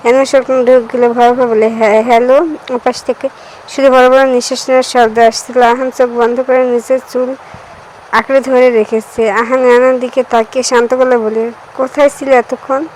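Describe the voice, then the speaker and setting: A woman narrating a romance novel aloud with a steady, even storytelling delivery. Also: on the high side, brisk, a little hiss or hum, poor audio. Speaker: audiobook narrator.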